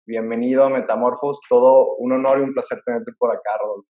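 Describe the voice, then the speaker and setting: A man's voice: medium pitch, fairly even intonation, fast, roomy sound, muffled recording. A man hosting a podcast interview, earnestly introducing and questioning his guest. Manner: earnest and admiring, reads introductions. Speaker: podcast host.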